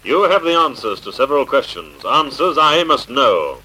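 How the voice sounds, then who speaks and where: An actor playing an unseen, menacing crime-fighter, accusing and commanding in a theatrical old radio drama style, through a filtered voice. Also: male voice, medium pitch, very animated, moderate pace, bright, forceful tone, husky, full character voice, rough recording. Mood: menacing, probing. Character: unseen avenging crime-fighter, menacing, mocking invisible man. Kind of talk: vintage radio drama acting.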